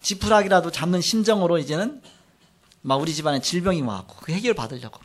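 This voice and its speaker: A middle-aged man preaching a sermon, telling a personal testimony in an animated storytelling way. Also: a little high, quick pace. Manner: animated storytelling, acts out quotes, frequent trailing "like this". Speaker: pastor.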